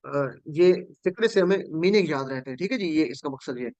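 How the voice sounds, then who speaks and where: Patient male teacher from Pakistan, smooth high voice, dry lo-fi online-class sound. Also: animated, fairly quick, a little mellow, dry recording. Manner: patient, drills word forms aloud and calls on students. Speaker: Quranic Arabic teacher.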